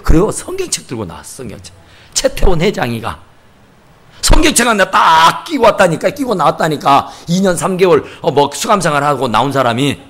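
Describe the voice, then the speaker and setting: A male pastor preaching a sermon in a church sanctuary, telling stories in an animated way and acting out the people in them. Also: fairly high pitch, a little fast. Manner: animated storytelling, acting out quotes.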